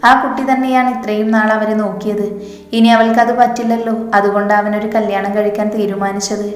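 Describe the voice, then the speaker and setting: A woman's voice: mid-range voice, level tone, a little fast, lightly acted. A woman reading the part of a bossy middle-aged mother, with a scolding, matter-of-fact manner. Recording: roomy echo with long reverb.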